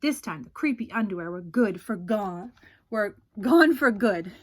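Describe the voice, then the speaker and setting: This is a woman at medium pitch telling a picture-book story to children, her delivery theatrical and full of prolonged suspense.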